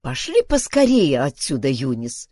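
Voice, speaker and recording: A woman's voice: very deep voice, wildly swooping pitch, measured pace, dark tone, dry recording, studio quality, pitched below the performer's own voice, heavily acted. A woman doing an anxious, cautious boy. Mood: weary.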